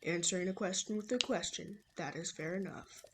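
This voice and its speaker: A woman's voice: lowish voice, fairly quick, background noise, pitched below the performer's own voice, natural voice. A woman doing a stiff, formal impression of a lonely old hermit man with a dry sense of humor, reading game dialogue aloud. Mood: solemn.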